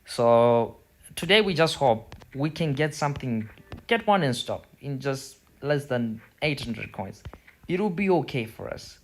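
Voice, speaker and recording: A Zimbabwean man hosting a gaming video gives casual tutorial commentary over a football game screen. His medium-pitched voice is expressive and moves at a measured pace.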